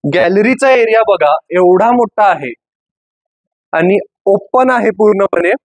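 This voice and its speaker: A man's voice: sits high, lively intonation, takes it slowly, no room sound, poor audio. A man guiding a property walkthrough room by room, as a real estate agent. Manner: guiding, pointing things out room by room.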